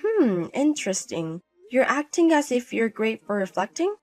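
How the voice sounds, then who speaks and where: A woman's voice: on the high side, lively intonation, normal speed, faint music behind. Cold, cutting woman with a raised voice. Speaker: narrator and wife in a voiced story. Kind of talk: scripted drama voice acting.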